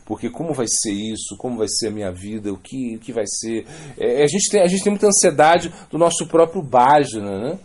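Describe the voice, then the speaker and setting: A man's voice: medium pitch, lively intonation, a little fast, few pauses, a little mellow. A man with a Brazilian Portuguese accent gives a religious talk, telling a story in a conversational way, often adding tag questions and restarting phrases. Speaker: devotional speaker.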